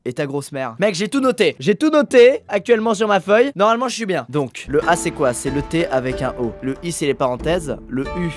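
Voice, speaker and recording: A fast-talking man gives excitable commentary while playing a game, his high voice bouncing all over. He jokes crudely and swears often. Soft game music plays faintly behind him. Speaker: gaming video host. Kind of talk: gaming commentary.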